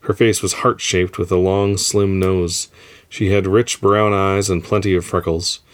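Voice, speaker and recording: A man reading a story aloud in a measured, steady narration. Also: low voice. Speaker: story reader. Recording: faint music underneath.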